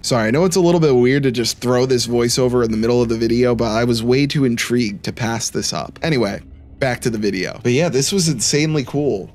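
A gaming YouTuber in his thirties chats casually with his viewers in a mid-range, darkish voice, keeping an informal, conversational manner. He's seated at a desk in a small indoor room, with music playing in the background.

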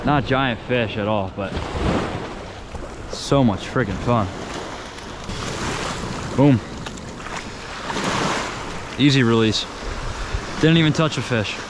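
A man filming himself surf fishing on an ocean beach at dusk, talking casually and excitedly into a camera mic. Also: mid-range voice, takes it slowly, pauses often. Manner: excited, casual, says "dude" often. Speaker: fishing vlogger. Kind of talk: casual on-the-spot commentary. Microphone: GoPro camera mic. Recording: loud surf noise outdoors. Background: crashing surf and waves.

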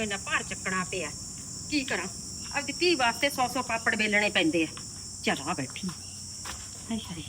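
A woman's voice: on the high side, sharp tone, slight background noise. A middle-aged woman playing a tired mother who arrives hauling a heavy load and complains about it. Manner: weary, complaining. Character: weary mother hauling bundles. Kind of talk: rural village drama acting.

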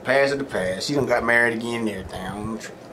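With a medium-pitched voice and rapid-fire delivery, a middle-aged Southern US man chats casually while eating for his mukbang. He rambles through folksy stories between mouthfuls, and background noise is present.

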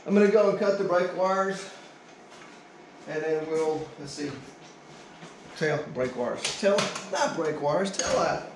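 Speaking slowly with long pauses, in a voice on the high side, a middle-aged DIY vlogger half mutters to himself through an informal, folksy tutorial in his garage workshop at home. The action camera, tripod-mounted or handheld at changing distances, captures roomy echo, clear noise and clicks from handling.

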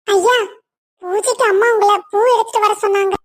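A woman's voice: very high-pitched, steady tone, moderate pace, pitched above the performer's own voice. A woman voicing a timid young female servant in a cartoon story, who asks hesitant questions. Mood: polite.

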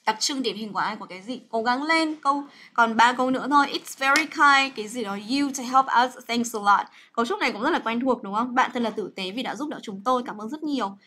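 A woman's voice: on the high side, fast, few pauses, bright, forceful tone, a little hiss or hum. A young woman teaching English grammar on a livestream, chatty and coaxing, full of fillers and checks with her students.

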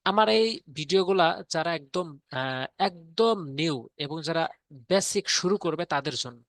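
A man leads a step-by-step lesson, drilling sounds patiently and repeating each example. His voice is bright and fairly high for a man. The recording is close and dry, with no room sound. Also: animated, a little slow, dry recording. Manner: patient, repetitive drilling with frequent fillers. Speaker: Quran reading teacher. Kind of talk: spoken tutorial lesson.

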